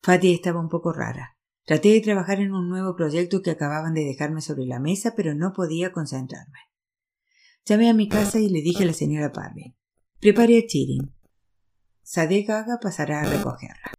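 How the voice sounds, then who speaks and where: Low mellow woman reading a novel aloud. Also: fairly quick. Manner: steady, first-person storytelling. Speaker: narrator.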